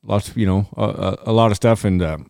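A man chatting casually on a podcast in a halting, rambling way. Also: lowish voice, fairly even intonation, gravelly, a little mellow, no echo, clean studio sound.

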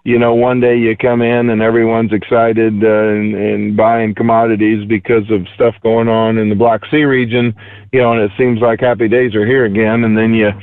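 A man's voice: fairly low pitch, flat delivery, normal speed, clean tone, dry recording. Man, over the phone, tinny narrow line, dry, folksy rambling talk, market guest. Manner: folksy, rambling with many fillers. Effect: heard over the phone. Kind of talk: casual market commentary.

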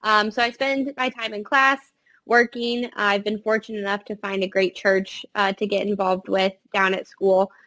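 A young woman answers interview questions casually and earnestly, with an upbeat manner. Her pitch is average for a woman, and she is talking from a quiet space. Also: flat delivery, normal speed. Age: young adult. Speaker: podcast guest, family farm-consulting business co-runner. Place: quiet space in a college library.

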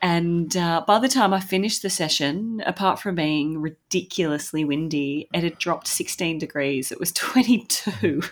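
An Australian woman co-hosting a podcast in lively, casual chat, her voice congested from hay fever. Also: lowish voice, normal speed, few pauses. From Sydney, Australia. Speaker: podcast co-host.

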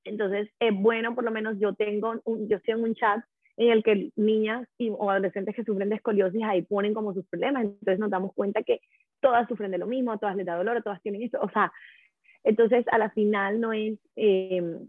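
A woman's voice: medium pitch, steady tone, a little fast, no echo. Female podcast co-host, chatty storyteller, narrow lo-fi phone sound. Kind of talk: casual podcast chat.

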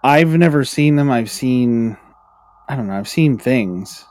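A man's voice: mid-range voice, lively intonation, unhurried, darkish tone. A man co-hosting a podcast, chatting casually and reading spooky stories, rambling with lots of fillers and restarts. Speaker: podcast co-host.

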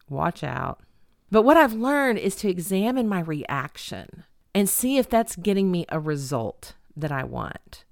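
Emphatic middle-aged female podcast host, animated and lively in delivery, dry recording. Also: mid-range voice, no room sound. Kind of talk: self-help podcast monologue.

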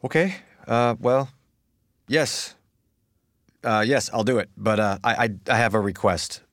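An actor from the United States playing an easygoing, awkward young American commoner who stammers and hesitates. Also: male voice, mid-range voice, a little slow, fairly bright tone, dry recording, studio quality. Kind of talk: audio drama acting.

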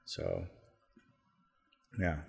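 A man talking casually as a podcast guest, relaxed and rambling with lots of fillers. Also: extremely slow. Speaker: podcast guest, business owner. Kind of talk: casual conversation.

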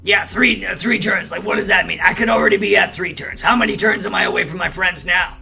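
A man's voice: high voice, fast talker, vocal fry, sharp tone, soft background music. A man playing a tabletop role-playing game, chatting and improvising in a blunt, sweary, colloquial way. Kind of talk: casual in-character improvised chat.

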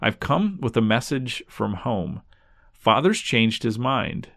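A man voicing a haughty young cartoon princess, formal and condescending in measured phrases. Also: medium pitch, sing-song, vocal fry, a bit bright, dry recording, exaggerated voice. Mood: cool command.

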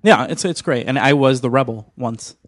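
A man's voice: mid-range voice, normal speed, dry recording. A man hosting a podcast in casual chat, teasing his guests and cracking sarcastic jokes. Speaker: podcast host.

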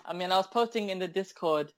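A man's voice: sits high, quick pace. A man co-hosting a casual podcast, telling stories with lots of giggling. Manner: giggly, animated storytelling. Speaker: podcast co-host. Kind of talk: casual chat.

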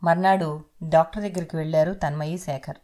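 A woman narrating an audio novel in a steady, literary storytelling manner. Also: low-pitched, a little fast.

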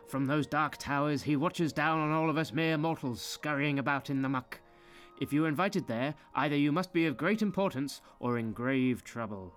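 A sly, grim tour guide, played by a man, leads newcomers through a fetid city, theatrical and sardonic as he savours every grisly detail. His voice sits a little high, and faint music plays underneath. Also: moderate pace, a bit bright, lightly acted. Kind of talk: scripted fantasy narration.

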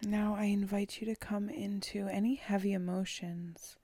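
A woman leading a guided meditation, speaking slowly and softly, often dropping into a whisper. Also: medium pitch, little pitch movement, no echo. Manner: slow, soft and soothing, often whispered.

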